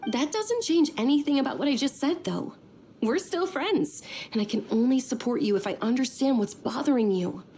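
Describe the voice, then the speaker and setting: A woman playing a caring, insistent, well-bred young lady in a video game, earnest and expressive in her delivery. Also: high-pitched, normal speed, slight background noise. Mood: concerned, insistent.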